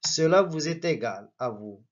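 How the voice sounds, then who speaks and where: A man reading the lines of a wary, grumbling male prison guard in a gruff, reluctant voice. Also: a little high, expressive, unhurried. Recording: dull lo-fi recording.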